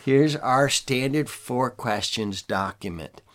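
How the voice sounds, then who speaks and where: An older man giving an informal teaching talk as a preacher, earnest and measured, with pauses for emphasis. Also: mid-range voice, fairly bright tone. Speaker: preacher and ministry leader.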